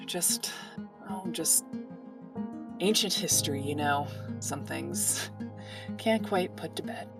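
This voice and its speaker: Woman doing a sweet motherly mentor lady, says dear a lot, low voice, a bit off mic. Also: slow, vocal fry, long pauses, far from the mic, over loud music, heavily acted. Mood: wistful. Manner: affectionate, calls others dear. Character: gentle older female mentor, motherly.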